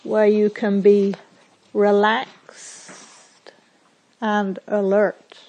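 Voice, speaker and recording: A woman meditation teacher guides a meditation soothingly and at a measured pace, pausing often and letting her phrases end softly. Her mid-range voice stays monotone, and the audio quality is poor.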